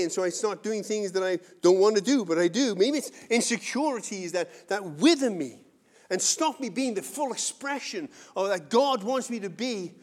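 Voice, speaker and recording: Male pastor, high-pitched, earnest conversational sermon, big swings in volume. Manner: earnest, conversational preaching with wide swings in loudness.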